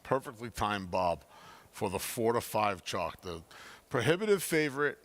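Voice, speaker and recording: A man working as a horse racing analyst, chatting casually in a loose, jokey, halting way. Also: on the low side, very animated. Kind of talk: casual sports broadcast chat. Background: loud music behind the voice.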